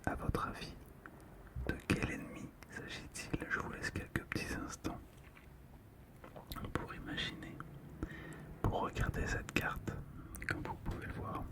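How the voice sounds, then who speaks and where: Whispering the entire time, an ASMR host moves slowly through a set of collectibles, presenting and commenting on them in a hushed voice.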